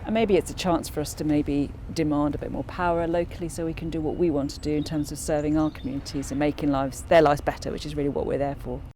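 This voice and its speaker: A woman speaks as a councillor in an interview, her voice low and mellow. She talks thoughtfully, restarting sentences and filling pauses. Faint outdoor noise sits behind her. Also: level tone. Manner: thoughtful, frequent restarts and fillers. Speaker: local councillor. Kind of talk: interview answers.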